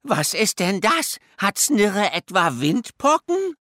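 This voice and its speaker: A boisterous grown Viking with a squeaky, exaggerated voice. The pitch sits far up and swoops widely, and the words are drawn out very slowly. The sound is dry and close. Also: male voice, wildly swooping pitch, fairly bright tone, no room sound, exaggerated voice. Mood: worried. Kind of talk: storybook reading.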